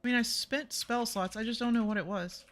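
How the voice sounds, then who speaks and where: A woman playing a tabletop game, animated, laughing and swearing often. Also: fairly high pitch, fairly quick. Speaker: player.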